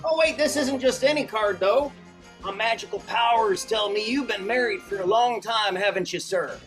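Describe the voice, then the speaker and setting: A man's voice: high-pitched, moderate pace, fairly bright tone. A man working as a stage magician and host, giving folksy, theatrical Old West show patter in the hammy manner of a kids' party magician. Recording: music playing behind the voice. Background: show music.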